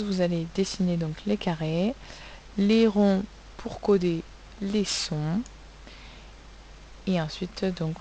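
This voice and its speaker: A woman's voice: fairly low pitch, vocal fry, mellow, slight background noise, poor audio. A woman teaching a recorded phonics lesson to young pupils, spelling out sounds letter by letter. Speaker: primary school teacher.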